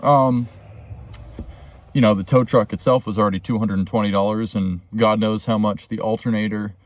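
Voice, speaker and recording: A man's voice: lowish voice, fairly even intonation, moderate pace, no room sound. A man vlogging a rambling, earnest self-help reflection while waiting beside a road for a tow truck, with frequent fillers.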